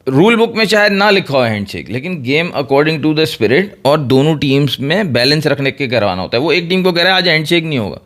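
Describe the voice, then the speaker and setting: Measured man explaining. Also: a little high, lively intonation, a bit bright. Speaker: co-host. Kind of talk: casual cricket chat.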